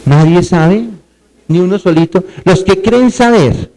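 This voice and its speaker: A man giving a pedagogy seminar lecture, quizzing the audience and spelling words out slowly. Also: sits high, vocal fry, dark tone, low-quality recording.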